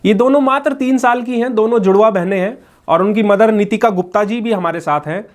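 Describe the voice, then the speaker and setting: Male reporter, high-pitched, enthusiastic, amazed, quiz questions to kids, local news interview. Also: a little fast. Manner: marvelling, enthusiastic, quizzing children.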